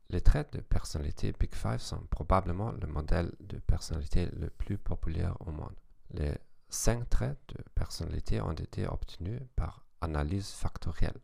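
A man's voice: sits low, vocal fry, a little mellow. A man with a German accent, a native German speaker, hosting a podcast and reading a formal, scripted educational narration. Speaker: podcast host.

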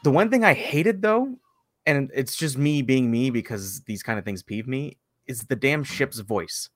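A young man on a casual podcast, complaining in a lively way. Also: mid-range voice, measured pace. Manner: animated, complaining. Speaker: podcast co-host. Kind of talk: casual chat.

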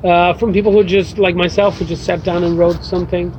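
Here the same reflective guest writer, a native English speaker, is high-pitched and a little fast, with little pitch movement. He still pads his answers with "uh" and "you know," and the recording remains muffled with faint background noise.

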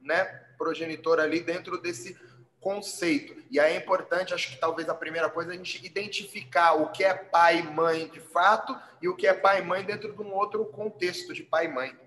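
A man's voice: a little high, steady tone, moderate pace, fairly bright tone. A man explaining things in casual talk, with frequent tag questions and repeated words, and acting out quoted calls in a raised voice. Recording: roomy echo.

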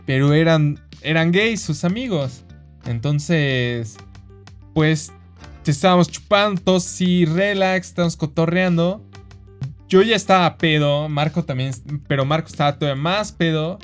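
A man with a Mexican accent co-hosting a podcast, telling a story in animated, slang-heavy casual chat. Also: fairly high pitch, normal speed, faint music behind. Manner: animated storyteller, acts out quoted voices, slangy, says güey constantly. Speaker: podcast co-host.

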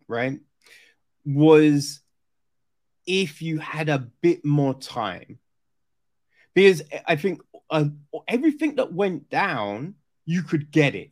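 A man in a casual discussion as an interviewer, talking haltingly and often checking for agreement. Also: fairly high pitch. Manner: halting, seeks agreement with repeated "right?". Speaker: interviewer giving film feedback. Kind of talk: casual conversation, film discussion.

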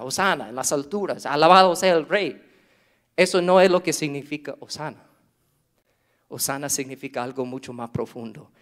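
A man preaching a sermon, swinging between loud emphatic stretches and low, hushed appeals, and drawing out key words slowly.

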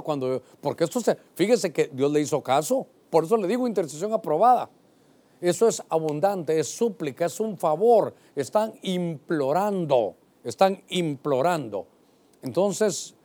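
A male pastor teaching a Bible sermon, animated and speaking directly to his listeners. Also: a little high.

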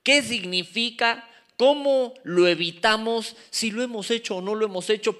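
A man preaching a lively Bible study, joking and asking the congregation to repeat after him. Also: high-pitched. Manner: animated, joking, asks the crowd to repeat.

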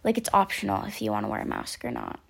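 Talking fast with wildly swooping pitch, this teenage vlogger has a mid-range, gravelly, slightly rough voice. In her late teens and sniffly with allergies, she rambles openly to the camera, chatty and casual, peppering everything with "um" and "like."

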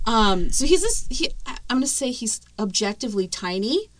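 A woman in her forties co-hosting a podcast, chatting casually, swearing freely and laughing between quick asides. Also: a little high, very animated, dry recording. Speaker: podcast co-host.

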